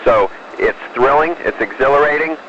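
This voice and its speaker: A man, an astronaut, answering questions over a space radio link in a measured, explanatory way with hesitant pauses. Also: medium pitch, a bit bright, lo-fi sound, a little hiss or hum. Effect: space radio transmission. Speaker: astronaut aboard the space station. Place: inside an orbiting space station.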